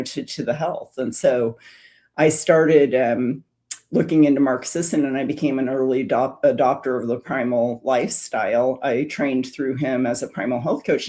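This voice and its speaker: With a very deep, dark-toned voice, a woman who specializes in food addiction recovery speaks as an interview guest over a video call. She earnestly tells a long story, frequently restarting her sentences.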